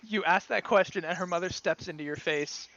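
Man, game master, tabletop narration, bright, slightly high, filler-heavy, muffled lo-fi recording, faint hiss. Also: fairly quick. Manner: relaxed, descriptive, many fillers and hedges.

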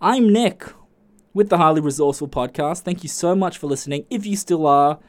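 A man with an Australian accent hosting a podcast alone, telling stories in a casual, chatty way and swearing freely. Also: a little fast. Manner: chatty, swears freely, jumps to high excited pitch. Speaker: podcast host. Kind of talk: casual solo podcast storytelling.

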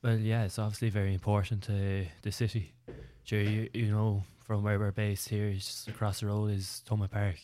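Flat-voiced Irish man from Limerick. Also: lowish voice, moderate pace, hardly any pauses. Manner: plain, matter-of-fact, hesitant. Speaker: guest. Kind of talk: casual interview.

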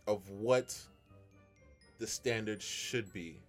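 A man with a fairly low voice tells a story in a relaxed podcast chat. He talks earnestly and often restarts his sentences. Faint music plays underneath. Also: slow. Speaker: podcast co-host. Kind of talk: casual chat.

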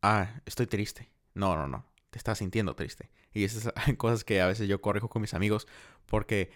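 A young man talks in a somewhat low voice. He rambles loosely and reflectively, full of fillers and restarts, like a solo podcast host. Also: moderate pace. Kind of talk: casual book-review monologue.

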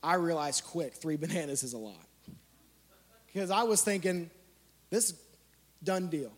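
A man with a notably high voice preaches through a playful, self-mocking personal story. His delivery is animated and lively. The sound carries a long reverb from a large church hall. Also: moderate pace. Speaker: youth speaker. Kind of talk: storytelling sermon.

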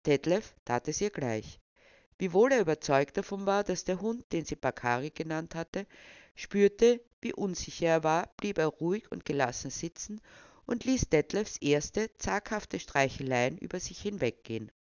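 A storyteller reading a short story aloud in an even, measured way. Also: mid-range voice, clean tone, dry recording. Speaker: narrator. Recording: dull, dry recording.

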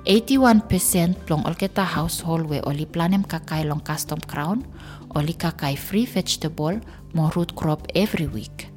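A woman's voice: low voice, darkish tone. A woman with a Vanuatu accent reads a scripted documentary narration. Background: faint music.

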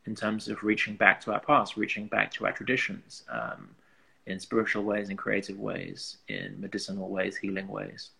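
A man from England with an English accent and a gravelly, slightly husky voice, talking earnestly and reflectively as an interview guest, working out thoughts in broken phrases. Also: fairly low pitch, very animated, normal speed, sharp tone, low-quality recording. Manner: earnest, searching, thinks aloud in broken phrases. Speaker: interview guest, musician and artist.

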